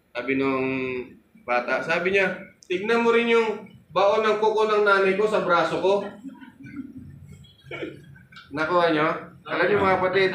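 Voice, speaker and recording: A man's voice: sits high, a bit bright, echoey room, a little hiss or hum, poor audio. A man preaching a sermon as pastor, telling a story and calling out to the congregation for amen.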